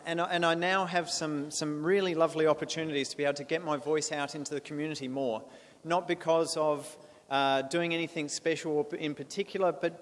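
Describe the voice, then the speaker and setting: An Australian man from South Australia in his thirties, giving an earnest talk to a club with frequent restarts and fillers. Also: on the high side. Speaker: guest speaker. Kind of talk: presentation to a club. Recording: echoey hall with faint noise.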